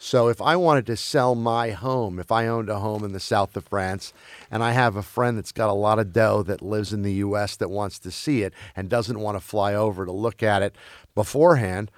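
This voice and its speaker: A man with a lowish voice, chatting loosely about film and streaming. He grew up in Belgium, and he restarts his sentences and hunts for words as he goes. The sound is dry and close. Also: no room sound. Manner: halting, many restarts and fillers.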